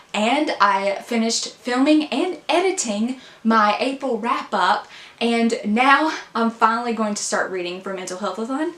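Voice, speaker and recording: A woman's voice: on the high side, fairly bright tone. A woman talking casually to her viewers as a book vlogger, upbeat and chatty. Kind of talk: casual chat. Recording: roomy echo.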